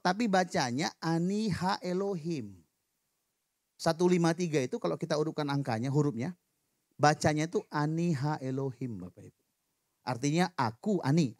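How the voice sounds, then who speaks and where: A man preaching a sermon in a church, lively and joking with the congregation. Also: a little high, no echo, studio quality. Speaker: pastor. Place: church hall.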